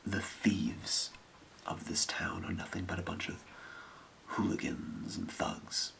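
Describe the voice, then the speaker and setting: A man in a whispered role-play, playing a scheming thieves' guild boss with a breathy, creaky whisper and a measured, secretive delivery. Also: low-pitched, little pitch movement, a bit bright, heavily acted, rough recording. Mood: hushed, calculating.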